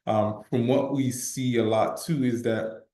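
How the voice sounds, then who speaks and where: This American man, a business chamber leader, appears as a panelist in an online discussion. His voice is medium in pitch, steady, measured and mellow, and he talks hesitantly with plenty of fillers in a room with an echo.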